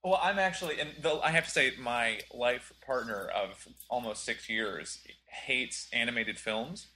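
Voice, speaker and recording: A man's voice: mid-range voice, measured pace, sharp tone, a little hiss or hum. A man from Tennessee, a film critic guesting on a podcast, chatting casually and joking. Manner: playful, jokey storyteller. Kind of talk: casual chat.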